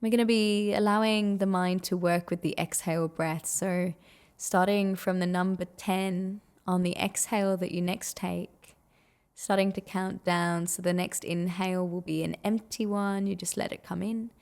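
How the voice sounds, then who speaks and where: Speaking gently and soothingly, a woman guides a meditation in a fairly low voice that creaks noticeably at the edges. Her intonation stays fairly even, and she moves slowly, leaving long pauses between phrases.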